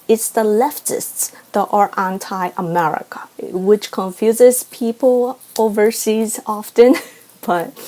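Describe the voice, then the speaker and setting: A woman from Japan with a Japanese accent, hosting a vlog and keeping her voice quiet and toned down as if late at night. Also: medium pitch. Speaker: vlog host. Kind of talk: talking to camera, opinion commentary.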